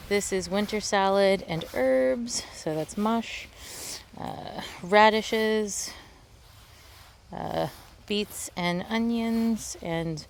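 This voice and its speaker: A woman giving a casual, rambling garden tour in an offhand, self-deprecating way, recorded outdoors with a tractor rumbling behind her. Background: tractor rumbling, vehicle noise.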